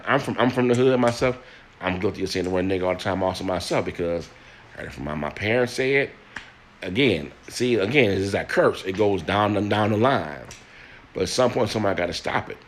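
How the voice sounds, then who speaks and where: A man's voice: sits low, a little fast. An older man in a personal monologue, earnest and plain-spoken, often repeating words and restarting as he speaks to listeners.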